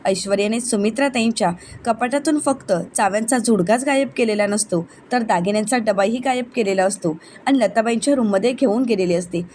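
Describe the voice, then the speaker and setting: A woman with a somewhat high voice narrates a recap of a family serial. She lifts the quoted lines of the characters, and a faint hiss sits under the recording. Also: a little fast, hardly any pauses, darkish tone.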